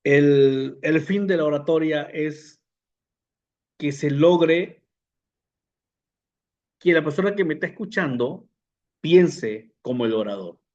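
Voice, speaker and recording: A man teaching a public speaking class to pastors, unhurried, often repeating words and putting questions to the listeners. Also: fairly high pitch, darkish tone, highs cut off. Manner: unhurried, repeats words, fillers, asks the audience. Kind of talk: lecture to pastors.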